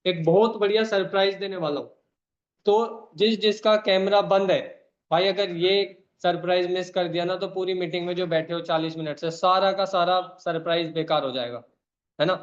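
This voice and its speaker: High-voiced man urging an online meeting. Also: steady tone, normal speed. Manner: urging, repetitive, emphatic. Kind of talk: online meeting talk, calling out names. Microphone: video call. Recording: dull lo-fi call audio.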